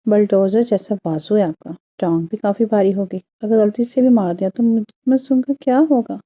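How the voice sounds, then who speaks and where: A woman's voice: mid-range voice, moderate pace, husky, highs cut off, natural voice. A woman voicing a feisty young newlywed wife who answers back in playful bickering.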